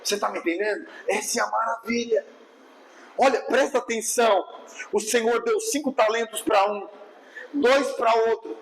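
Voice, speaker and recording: A man's voice: very high-pitched, normal speed, vocal fry, a little hiss or hum, rough recording. A man with a Brazilian Portuguese accent preaching a sermon as pastor, emphatic, often asking the congregation whether they follow him. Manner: emphatic, keeps asking the congregation "are you understanding me, yes or no?"; acts out churchgoers' voices in quotes.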